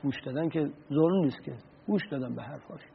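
Husky, slightly high-voiced man, radio religious speaker, tinny phone-like sound. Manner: earnest storytelling, quoting and explaining Arabic sayings.

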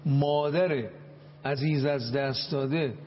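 A man's voice: mid-range voice, fairly even intonation, highs cut off, slight background noise. A man, a cleric on a talk show, preaching with Arabic quotations and dramatic, emphatic acted quotes.

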